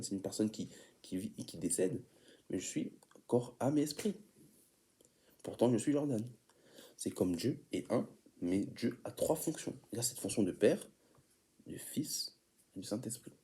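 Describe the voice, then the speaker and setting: A man's voice: mid-range voice, mellow. A man preaching an informal teaching sermon, often stumbling and repeating words as he reads definitions aloud and calls his listeners beloved.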